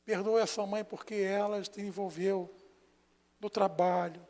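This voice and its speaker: A Brazilian man preaching as a pastor, telling a story and swinging between hushed and loud passages. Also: high voice, steady tone, unhurried. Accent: Brazilian Portuguese. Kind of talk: sermon. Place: church sanctuary. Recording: long church hall reverb.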